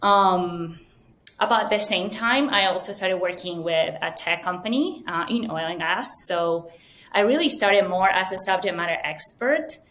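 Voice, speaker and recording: Woman, low voice, earnest. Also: a little slow, a bit bright. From Venezuela. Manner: fluent, earnest, many ums. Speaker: guest, data science manager. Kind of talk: interview answers.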